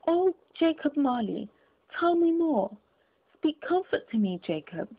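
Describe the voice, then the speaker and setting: Woman voicing agitated old Scrooge, swooping pitch. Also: sing-song, unhurried, full character voice. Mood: pleading. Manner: agitated, pleading exclamations. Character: frightened, stubborn old miser man facing a ghost. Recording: thin, phone-like lo-fi audio.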